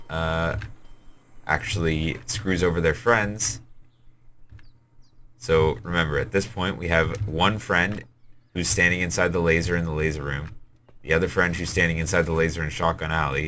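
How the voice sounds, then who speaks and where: Very deep-voiced man explaining a game. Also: a bit bright, slight background noise. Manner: hurried, rambling explanation. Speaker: game server admin. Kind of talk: casual walkthrough of a game.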